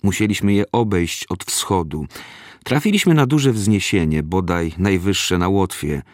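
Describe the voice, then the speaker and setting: A man reading a first-person memoir aloud in a measured, unhurried storytelling manner. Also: low voice, animated, no echo, studio quality. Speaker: narrator. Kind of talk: scripted memoir narration.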